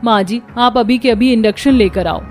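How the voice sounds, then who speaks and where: Cartoon spoiled city bride, whiny and demanding, pitched up, played by a woman. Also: normal speed, faint music behind, close to an everyday voice. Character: pampered young city daughter-in-law, whiny.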